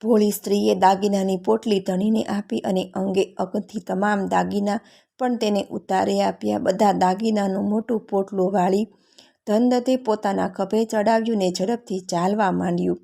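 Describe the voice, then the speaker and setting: Mellow-voiced woman telling a folk tale. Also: medium pitch, steady tone, moderate pace, gravelly. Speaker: storyteller.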